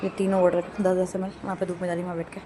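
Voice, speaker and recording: A woman's voice: lowish voice, level tone, racing, background noise. A young woman talking casually to her vlog audience while doing chores at home, narrating each step and laughing at herself. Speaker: vlogger. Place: home rooftop and garden area.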